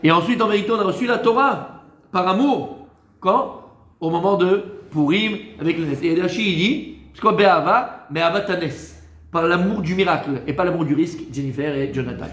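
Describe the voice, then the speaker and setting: High-voiced rabbi in an echoey room. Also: male voice, fairly quick. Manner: lively, joking asides to listeners. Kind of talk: Torah lesson.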